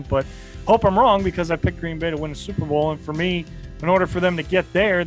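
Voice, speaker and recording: A man co-hosting a sports talk show, delivering a heated, emphatic rant full of rhetorical questions. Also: a little high.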